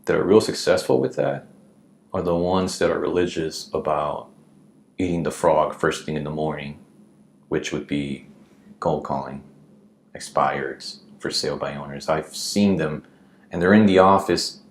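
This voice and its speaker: Low-voiced real estate guy rambling through stories, lots of likes and ums, echoey room. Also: moderate pace, gravelly. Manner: animated anecdotes with filler likes and ums. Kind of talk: casual storytelling podcast chat.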